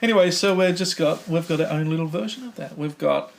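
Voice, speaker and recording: A man's voice: fairly high pitch, fast talker, vocal fry. A man from New Zealand with a New Zealand accent, co-hosting a podcast and telling rambling stories. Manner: rambling storyteller, many fillers and restarts. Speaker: podcast co-host. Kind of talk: casual conversational podcast chat.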